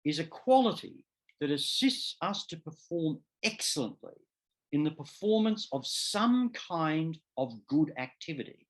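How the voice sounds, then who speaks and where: A middle-aged man, a law professor, giving an academic seminar lecture in a deliberate, emphatic way that often restates and corrects itself mid-phrase. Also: fairly high pitch, sing-song.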